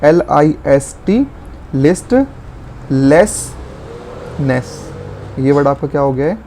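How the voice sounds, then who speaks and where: A man explaining English vocabulary in a lesson, slowing down to spell out and stress key words. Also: on the high side, warm tone, slight background noise.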